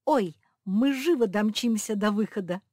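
A woman voicing the youngest little female pug, boastful and impatient, who shouts and bosses the others. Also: medium pitch, unhurried, no echo, studio quality, voice pushed up. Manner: excited, bossy shouting.

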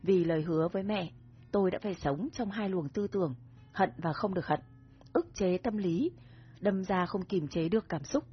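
A woman voicing a domineering but tender young man in a romance story, speaking softly and gently with a husky voice, over soft music. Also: lowish voice, normal speed. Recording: dull recording with soft music.

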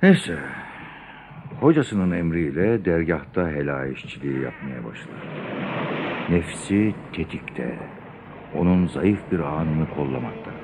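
An older, devout father telling a tale in a radio play. The low voice swings widely with patient solemnity, over clear noise. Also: sing-song, unhurried, heavily acted. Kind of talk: radio drama storytelling.

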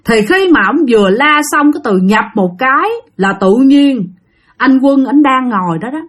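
Southern Vietnamese woman, ghost-story teller, lively and high-pitched, chatty. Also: normal speed. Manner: chatty, addresses listeners directly. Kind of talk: spoken ghost story narration.

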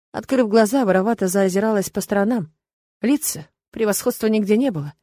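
Woman audiobook narrator, mid-pitched, ironic first-person reading, dead-dry recording. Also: dry recording. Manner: lively, ironic storytelling.

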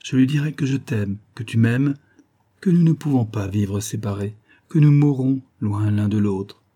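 A man reading the part of a young naval lieutenant who gently reassures his beloved. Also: on the low side, moderate pace, breathy edge. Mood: tender. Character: young male naval lieutenant, tender and hopeful lover.

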